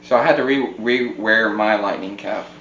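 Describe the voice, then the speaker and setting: On a casual home podcast, a male co-host chats informally at a moderate pace, his voice on the low side and a bit bright. A podcast microphone on a tripod captures him, leaving a muffled, roomy quality and background hum.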